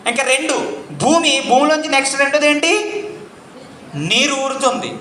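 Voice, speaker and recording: A man giving an interactive spiritual lecture to a live audience, quizzing them and pressing them to answer loudly, repeating key points like a chant. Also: very high-pitched, a little fast, a little hiss or hum. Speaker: spiritual teacher. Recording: echoey room.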